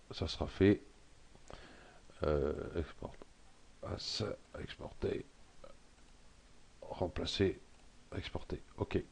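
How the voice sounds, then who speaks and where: A middle-aged man with a frog in his throat, hesitantly talking through a software tutorial with many fillers. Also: low-pitched, gravelly. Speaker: tutorial presenter. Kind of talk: screen-recorded software tutorial.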